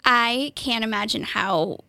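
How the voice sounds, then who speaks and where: Encouraging woman host, high and dry. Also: takes it slowly, gravelly, bright, forceful tone, no room sound. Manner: encouraging, with frequent affirmations. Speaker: podcast host. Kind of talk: casual interview chat.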